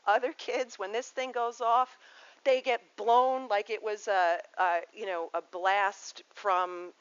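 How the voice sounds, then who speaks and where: A woman's voice: medium pitch, fairly even intonation, slow pace, smooth, dry recording, lo-fi sound. A woman yoga teacher giving a casual spoken lesson, rambling and digressive, often restarting her sentences.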